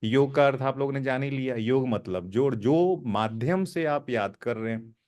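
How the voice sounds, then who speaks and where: A middle-aged man leads an informal spiritual lesson. He talks in a relaxed, conversational way, explains one point after another, and keeps checking that his listeners follow. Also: medium pitch, moderate pace. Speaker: spiritual course teacher.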